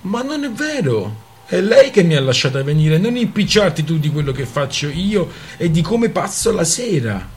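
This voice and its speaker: A man voicing a defiant young woman who snaps back at her uncle in a raised, sharp tone. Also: very animated, moderate pace. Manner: high, sharp retorts.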